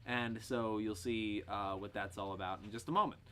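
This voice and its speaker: A man's voice: lowish voice, steady tone, normal speed, sharp tone. A man casually reading his own comedy scripts aloud, hesitant and full of filler words.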